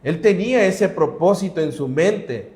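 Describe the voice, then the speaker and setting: A man with a fairly high voice speaks in a conversational sermon. He asks his listeners questions, and the studio sounds roomy and echoey. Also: animated, unhurried, darkish tone. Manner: asks the audience questions and answers amen. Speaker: co-host pastor.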